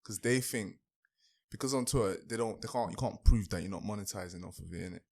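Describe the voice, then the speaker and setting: A man chats as a podcast guest in a slow, laid-back drawl. His voice sits fairly low, and he often repeats words as he tells a story. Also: gravelly, a little mellow. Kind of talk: casual chat.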